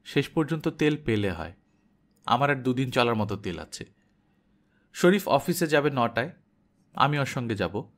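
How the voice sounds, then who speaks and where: Man, audiobook narrator, measured diary reading, medium pitch. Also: big pitch swings.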